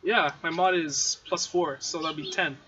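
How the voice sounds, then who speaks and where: A man playing a tabletop role-playing game, chatting casually in an animated, teasing way. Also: fairly high pitch, moderate pace, background noise. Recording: lo-fi group audio with voices behind.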